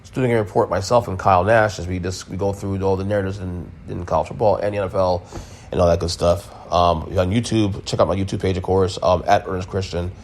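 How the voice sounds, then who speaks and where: A man hosting a sports podcast gives a casual recap full of blunt opinions, emphatic delivery, repeated points, and mild swearing. He talks fast, in a low, slightly mellow voice with fairly even intonation.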